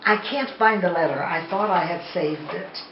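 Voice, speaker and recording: A woman's voice: lowish voice, moderate pace. Older woman telling family stories, echoey. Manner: lively, animated retelling with quoted voices. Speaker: family member recalling grandfather. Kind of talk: casual storytelling. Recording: echoey lo-fi home recording with noise.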